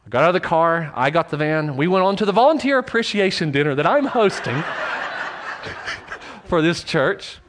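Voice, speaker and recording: A man's voice: a little high, expressive, normal speed, background noise. A pastor preaching in his church, telling a personal story in a candid, self-deprecating way, with frequent fillers and restarts.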